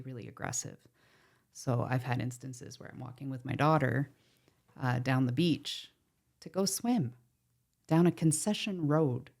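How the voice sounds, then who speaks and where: A woman from Ontario, Canada, speaks as a podcast guest on a podcast mic, talking earnestly and passionately about protecting water, with wry asides. Her voice is a low rumble, creaky and somewhat dark in tone.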